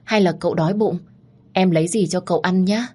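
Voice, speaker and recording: Woman playing a meek young servant girl, husky voice, pleading, storybook. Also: on the low side, brisk, mellow. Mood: gentle.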